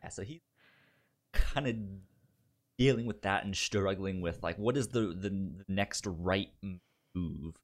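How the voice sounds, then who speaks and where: Here a podcast co-host with a deep, unhurried voice chats casually, frequently stumbling over syllables and repeating words mid-sentence.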